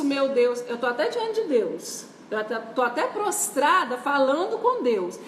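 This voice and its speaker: A high-voiced woman preaches with fervent, repeating emphasis, drawing words out slowly at key moments. She stands back from the mic in a long, echoing hall, with faint background noise underneath. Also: distant mic. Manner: fervent, repetitive, with drawn-out emphasis. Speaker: apostle and preacher. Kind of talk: sermon. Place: church livestream. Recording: echoey hall, voice away from mic.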